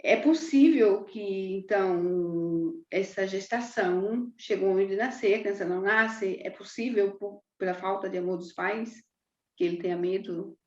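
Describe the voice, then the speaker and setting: A woman's voice: medium pitch, measured pace, darkish tone. A woman with a Brazilian Portuguese accent moderating a podcast, asking questions hesitantly and correcting herself as she goes. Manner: hesitant, self-correcting questions with many restarts. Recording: roomy, dull lo-fi recording.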